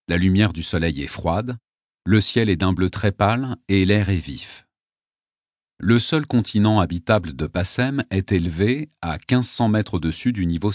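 Low, husky male audiobook narrator. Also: no echo, clean studio sound. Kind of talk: scripted narration.

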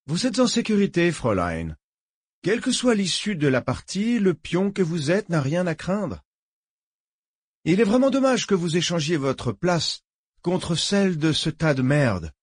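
A man's voice: on the high side, sing-song, unhurried, breathy edge, no room sound, voice pushed up, full character voice. A man playing a cruel, amused German officer. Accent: German words in his speech. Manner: drawling, mockingly amused.

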